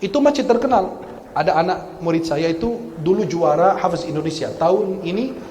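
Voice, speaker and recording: A high-pitched man lectures in an animated, teasing way and coaches his listeners one sound at a time. His voice echoes around a large mosque hall over a faint murmur of room noise. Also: fairly quick. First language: Arabic. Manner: animated, teasing, drills pronunciation with the audience. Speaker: Quran teacher and preacher. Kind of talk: religious lecture with recitation drills.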